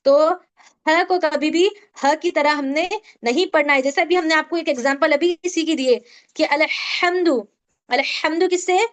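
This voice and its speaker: Woman, recitation teacher, high voice, quizzing students, slow syllable drills. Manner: drills syllables slowly, asks students questions. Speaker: Tajweed teacher. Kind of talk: online class instruction.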